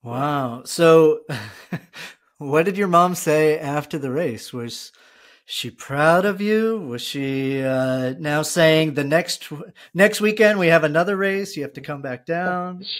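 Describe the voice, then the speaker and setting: A man's voice: fairly high pitch, takes it slowly. A man hosting a podcast, asking long, loose questions full of fillers. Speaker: podcast host. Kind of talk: casual interview chat.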